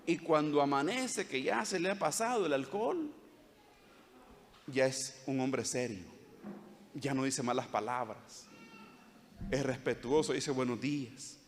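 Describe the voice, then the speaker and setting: A man's voice: mid-range voice, a little slow, pauses often, big-room sound, slight background noise. A man preaching a sermon as pastor with a Salvadoran Spanish accent, earnest, acting out short quoted dialogues. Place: church hall.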